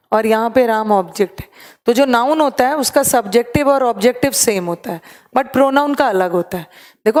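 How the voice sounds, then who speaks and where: High-voiced woman teaching grammar. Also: darkish tone, in a large hall. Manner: explains step by step, mixes Hindi and English. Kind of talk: online class lecture.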